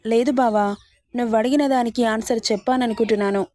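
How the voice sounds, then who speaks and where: A woman's voice: fairly high pitch, steady tone, quick pace, warm tone, natural voice. A woman voicing a playful, coaxing young wife. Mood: pleading. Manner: coaxing, teasing.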